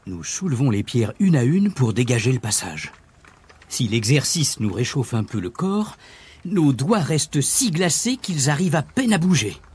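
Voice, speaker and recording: Male narrator, storybook reading, very breathy, lively pitch. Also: moderate pace. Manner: expressive, animated storytelling.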